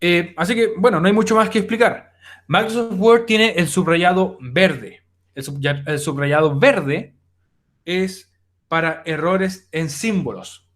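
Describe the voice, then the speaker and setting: In a recorded online class, a young man teaching his students talks in a direct, casual manner and often says "eh." He speaks a little slowly, with a slightly high voice and fairly bright tone.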